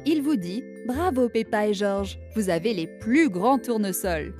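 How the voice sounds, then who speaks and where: A woman voicing an encouraging, gentle mother pig in a French children's cartoon. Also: medium pitch, animated, a little slow, soft background music, close to an everyday voice. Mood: warm, encouraging. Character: warm, encouraging mummy pig, grown female. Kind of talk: children's cartoon dub acting.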